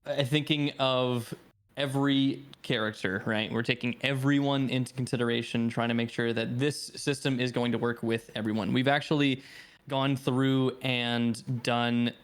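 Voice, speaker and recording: A man's voice: medium pitch, steady tone, moderate pace. Hesitant, laughing man on a podcast. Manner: hesitant, laughing, filler-heavy. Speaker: admin team member. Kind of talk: casual podcast chat.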